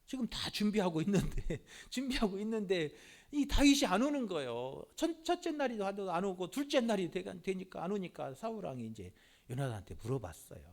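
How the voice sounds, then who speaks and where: A man's voice: sits high, very animated, a little fast. A middle-aged man preaching a sermon as a pastor, in a conversational way that keeps asking the congregation questions.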